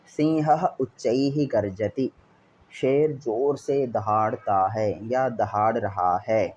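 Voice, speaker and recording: A man teaching Sanskrit grammar to schoolchildren, reading each example sentence slowly and then giving its meaning. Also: medium pitch, darkish tone. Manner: repeats each example with a Hindi gloss. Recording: dull lo-fi recording with faint hiss.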